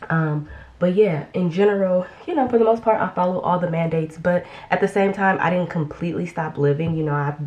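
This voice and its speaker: A beauty vlogger with a low, deep voice rambles through a casual get-ready-with-me update at home, full of ums and restarts. She sounds slightly congested after a recent illness, and her brisk, a little mellow speech comes through with the highs cut off.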